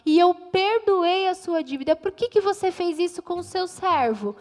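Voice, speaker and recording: A woman's voice: extremely high pitch, expressive, moderate pace, pitched above the performer's own voice. A woman with a Brazilian Portuguese accent voicing a stern, angry male king, scolding his servant in a children's Bible story. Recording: reverberant room, faint music.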